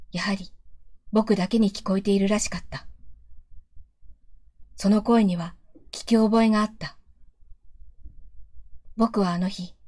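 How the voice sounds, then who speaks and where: A woman reads a fantasy novel aloud in a calm, measured storytelling voice of middling pitch. She often sinks to a soft, hushed tone. The sound is close and dry, with no room around it. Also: dry recording. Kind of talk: audiobook-style reading of a novel.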